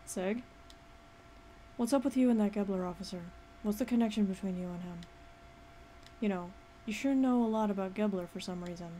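A woman's voice: mid-range voice, brisk, long pauses, mellow, slight background noise, lightly acted, low-quality recording. A woman voicing a brash young male video game hero, blunt and informal as they read the dialogue aloud. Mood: questioning, indignant.

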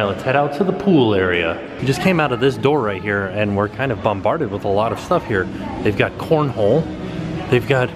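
A man in his thirties casually narrating a walking tour of a hotel, filmed on a handheld camera at arm's length. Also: mid-range voice. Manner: casual, upbeat pointing-out of sights. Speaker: vlog host. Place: hotel halls and outdoor pool areas.

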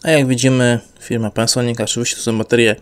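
A man's voice: mid-range voice, level tone, fast. A young adult man giving an unscripted product review, rambling with many fillers and self-corrections.

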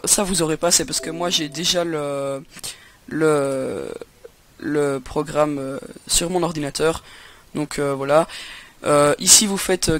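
Hesitant young French man explaining software. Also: on the high side. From France. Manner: hesitant, many fillers and restarts. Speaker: tutorial host. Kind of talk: casual screen-recorded tutorial.

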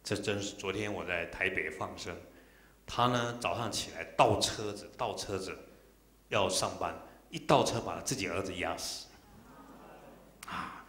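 Low-voiced monk in a roomy hall. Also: male voice, a little slow, fairly bright tone. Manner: emotional, acts out dialogue. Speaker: Buddhist monk. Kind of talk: dharma talk with personal storytelling. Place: temple lecture hall.

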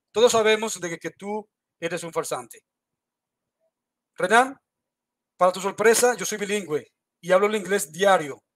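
A man's voice: high voice, fairly bright tone. A man in a heated online debate, accusing his opponent over and over and laying down challenges.

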